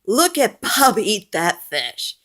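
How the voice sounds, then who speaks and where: A woman's voice: mid-range voice, very animated, slow, a bit bright, pitched above the performer's own voice, exaggerated voice. A woman voicing a proud, cheerful male fire chief from a toy storybook, speaking in an upbeat, praising way.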